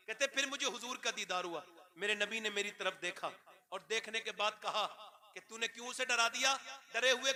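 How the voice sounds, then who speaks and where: A male Islamic preacher telling a story in an emotional sermon, swinging between loud exhortation and hushed, tearful passages. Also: high-pitched.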